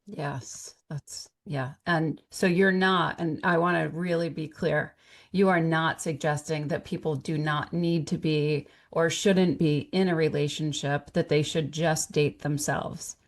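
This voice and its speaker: A woman's voice: low-pitched, steady tone, unhurried. A woman hosting a podcast interview, chatty and enthusiastic. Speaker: podcast host. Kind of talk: casual interview talk.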